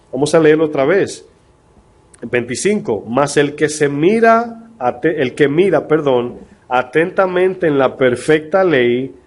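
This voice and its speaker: A male pastor preaching a sermon in a conversational way, asking his listeners rhetorical questions and reading scripture slowly and deliberately. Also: a little high, a little mellow.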